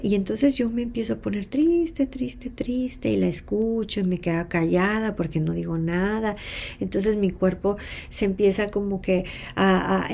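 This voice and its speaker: A woman's voice: mid-range voice, darkish tone. A Mexican woman teaching self-help, telling stories expressively, acting out the people she quotes and sometimes dropping to a whisper. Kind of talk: teaching talk with role-played examples.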